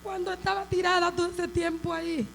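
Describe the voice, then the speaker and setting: A woman, a missionary giving an impassioned church testimony that moves from hushed to loud fervor. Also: very high voice, flat delivery, fairly quick, gravelly, a little hiss or hum, rough recording.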